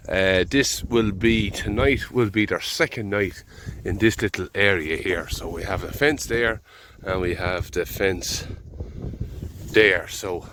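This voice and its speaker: Deep-voiced yet a bit bright, this Irish farmer narrates a casual vlog from a field, a little hiss or hum in the audio. He's struggling with a head cold and rambles in an easygoing, think-aloud manner.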